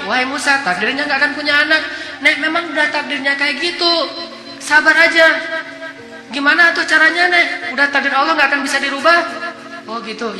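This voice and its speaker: A man giving a casual, lively sermon, telling stories and playfully acting out the dialogue. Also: extremely high pitch. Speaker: preacher. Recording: echoey hall with music behind.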